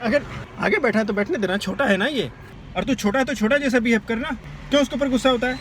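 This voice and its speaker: A man's voice: very high voice, fast, fairly bright tone, slight background noise. A man vlogging casually, scolding his barking pets from inside a car. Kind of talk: casual vlog chat.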